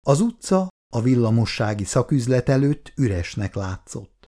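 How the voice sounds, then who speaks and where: A man reading a novel aloud, narrating and voicing all the characters. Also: mid-range voice. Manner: expressive storytelling. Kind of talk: audiobook reading.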